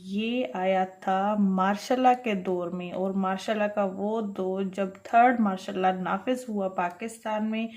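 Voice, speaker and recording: A woman with a mid-range, darkish voice gives an explanatory law lecture, mixing in English terms. She often repeats and rephrases her points, checking in with the listener as she goes.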